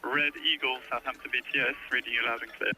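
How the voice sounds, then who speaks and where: A man's voice: mid-range voice, fairly even intonation, fast, over music, low-quality recording. A man working as a vessel traffic radio operator, speaking formal, clipped procedural phrases over marine VHF. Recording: marine radio with faint noise.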